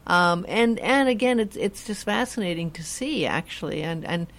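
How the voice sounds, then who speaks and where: Chatty low-pitched woman host. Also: expressive, moderate pace, fairly bright tone. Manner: rambling, chatty, many restarts. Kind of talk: casual chat.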